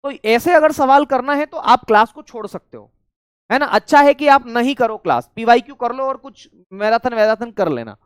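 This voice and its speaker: A man teaching an online exam-prep class, repeating key phrases slowly and speaking straight to his students. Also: very high-pitched, expressive, smooth, no room sound, studio quality. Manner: addresses students directly and often, chatty asides.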